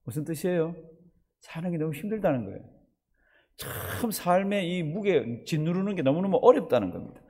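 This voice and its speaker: A male pastor delivering an animated sermon in a fairly high voice, his pitch rising and falling widely. He keeps asking the congregation questions and slips into other voices to act out scenes. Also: moderate pace, slightly rough. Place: church service.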